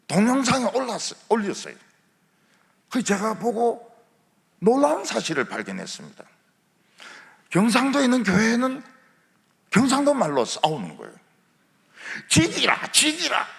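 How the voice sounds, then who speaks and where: A man's voice: a little high, gravelly, fairly bright tone. A male pastor preaching a revival sermon, asking rhetorical questions and mixing in humor. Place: large church sanctuary. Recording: long church hall reverb.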